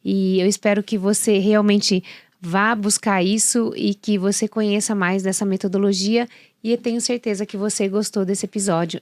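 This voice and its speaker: A woman's voice: mid-range voice, a little mellow, dry recording, studio quality. A woman hosting a podcast interview, affirming her guest and encouraging listeners. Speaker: podcast host.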